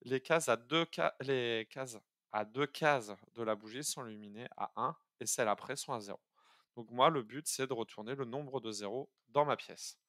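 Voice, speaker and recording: A man's voice: medium pitch, moderate pace, pushed and bright, no echo, studio quality. A man streaming a coding lesson, talking casually and hesitantly with many fillers while he thinks aloud. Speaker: coding streamer teaching algorithms. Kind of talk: live-streamed coding tutorial.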